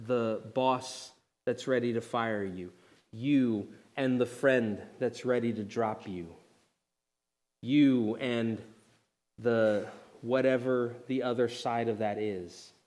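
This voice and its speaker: Guy preaching a sermon, earnest, goes quiet then loud, regular mid voice. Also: medium pitch. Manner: dynamic preaching, swinging from hushed to loud; earnest and direct. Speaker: pastor.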